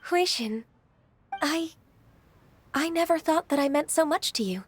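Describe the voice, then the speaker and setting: A woman playing a gentle, modest, ageless secretary in a video game, speaking politely and earnestly. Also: high voice, expressive, unhurried, slight background noise. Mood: moved. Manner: soft-spoken, polite, earnest. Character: gentle, modest, ageless half-divine young-looking female secretary. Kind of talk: video game character acting.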